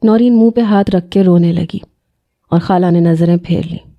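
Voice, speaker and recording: A woman storyteller reading a scripted first-person story in an emotional, measured way. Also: lowish voice, muffled recording.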